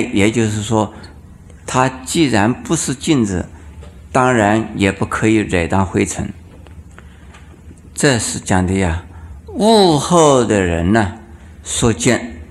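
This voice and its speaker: Man, Buddhist teacher, dharma lecture, unhurried delivery, gravelly fry, rhetorical questions. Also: on the low side. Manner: explains patiently, asks the audience rhetorical questions; chants verse lines slowly.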